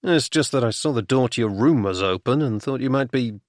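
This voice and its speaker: A man voicing an easygoing young gentleman friend who speaks casually and hints at things. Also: medium pitch, animated, a little fast, dry recording, clean studio sound, lightly acted. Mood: hinting.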